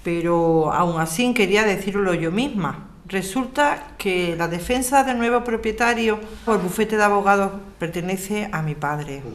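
An actress plays Alicia, a serene, serious and earnest lawyer rallying her neighbours in a scripted audio drama, speaking with a Castilian Spanish accent. Her female voice is natural and medium-pitched, with a grave, apologetic mood. She delivers her lines in a measured, explanatory and articulate way.

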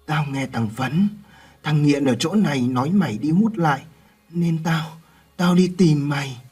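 A man voicing a gentle, dying old man who speaks weakly and with strain. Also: fairly high pitch, a little slow, breathy edge, pitched above the performer's own voice. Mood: weak pleading. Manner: weak, strained.

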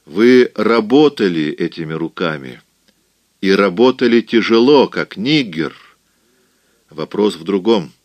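A man voicing a cold, worldly man in an audiobook, speaking in a cool, quiet, cutting way. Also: on the low side, animated, a little slow, dry recording.

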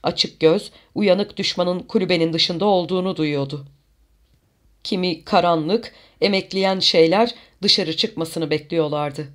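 Audiobook narrator, steady even storytelling, middle pitch. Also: unhurried. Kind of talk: scripted narration.

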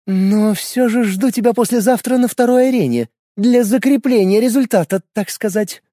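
A man's voice: high-pitched, dark tone, no echo, studio quality, pitched above the performer's own voice, natural voice. A man voicing a haughty young noblewoman who is sly and predatory, for a storybook. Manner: sly, cutting, drawn-out phrases.

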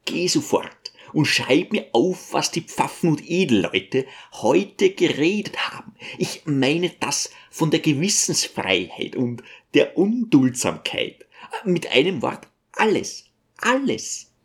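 A brusque, scheming man, as the reader puts him on, insisting and brushing others off. His delivery rises and falls in lively swings. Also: mid-range voice, slow pace. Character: pushy scheming male guest, brusque.

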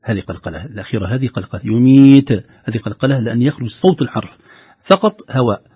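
A man teaching Quran pronunciation, explaining rules and slowly chanting example words. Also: mid-range voice, very animated, slightly rough, no room sound. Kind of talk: tajweed lesson with recited examples. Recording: dry, dull lo-fi studio sound.

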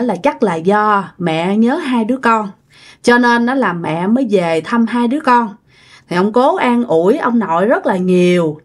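A woman with a Southern Vietnamese accent telling a ghost story in a casual, chatty way, speaking directly to her listeners. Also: a little high. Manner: chatty, addresses listeners directly, many tag particles.

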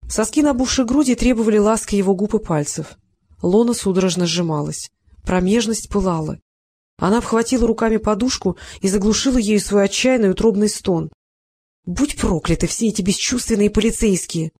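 An audiobook narrator reading a romance novel in a steady, expressive way. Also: medium pitch, a little fast.

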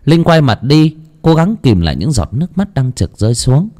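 A man narrating a ghost story in an expressive, dramatic storytelling manner. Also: mid-range voice, moderate pace.

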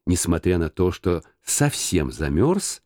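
A man narrating a classic story as an expressive audiobook reader. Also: deep voice, takes it slowly, no room sound, studio quality.

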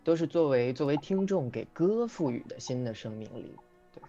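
Appearing as a guest on a livestream, a singer talks in a mellow, slightly high voice with lively intonation and normal speed, going into reflective detail during casual conversation. Background music plays under the dull, lo-fi recording.

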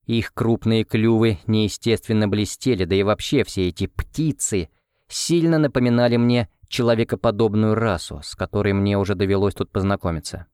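A man narrating a first-person fantasy audiobook in a measured storytelling manner. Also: fairly low pitch, darkish tone, clean tone, no echo, studio quality.

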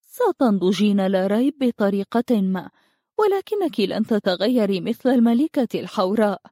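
A woman playing a wise, calm magical lady. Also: medium pitch, no echo, studio quality, lightly acted. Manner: calm, measured counsel.

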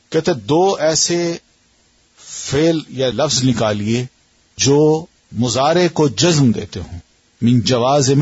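A man teaching Arabic grammar in a classroom lesson with a Pakistani accent, patiently quizzing students and drawing out word patterns slowly. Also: mid-range voice, breathy edge, no echo. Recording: dull lo-fi lecture recording.

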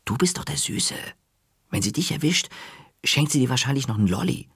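A man's voice: mid-range voice, animated, fairly quick, vocal fry, slightly rough, dry recording, clean studio sound, pitched above the performer's own voice, exaggerated voice. A man voicing a teasing older boy who wheedles and bargains, in an audiobook character voice. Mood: coaxing. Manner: coaxing, bargaining.

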